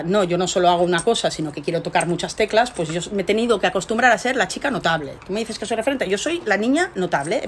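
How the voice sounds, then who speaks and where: A woman's voice: medium pitch, slight background noise. Middle-aged woman scientist telling her story. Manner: animated storytelling, frequent fillers and rhetorical tags. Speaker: scientist guest. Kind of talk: conversational interview answers.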